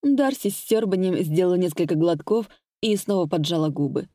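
A woman's voice: lowish voice, lively intonation, fairly quick, dark tone, no echo, clean studio sound. A woman narrating an audiobook in the first person, in a wry, conversational way.

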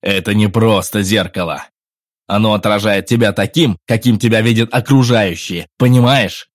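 An eager, excitable adventurer who sells his finds, played by a male narrator, talking loudly and pushing hard. The voice is a little low and slightly raised from the narrator's own. It is recorded dry, with no room sound. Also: normal speed, no room sound. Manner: enthusiastic, pleading. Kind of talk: audiobook reading.

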